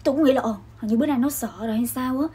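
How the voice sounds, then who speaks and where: A young woman, telling a comic childhood story in an animated, dramatic way. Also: high voice, very fast. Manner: animated and dramatic, acts out scenes. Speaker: vlogger.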